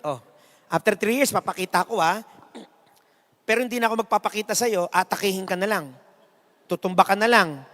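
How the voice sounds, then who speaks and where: A man voicing Christ as a calm, matter-of-fact man in a joke, heard in an echoey hall. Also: high-pitched, a little fast, long pauses, voice pushed down. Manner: calm and matter-of-fact, later laughing loudly.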